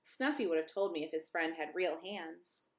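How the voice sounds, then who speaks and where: A woman's voice: deep voice, moderate pace, voice pushed down. A woman voicing a big, friendly, childlike bird from a storybook in an eager, emphatic manner. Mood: sure, friendly.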